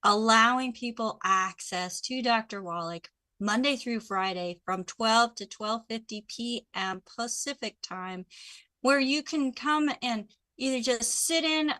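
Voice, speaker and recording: A woman with a bright, fairly high voice hosts a live call-in show. She talks in an upbeat way as she explains the steps to viewers. The sound is dry and close. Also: no echo. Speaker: show host.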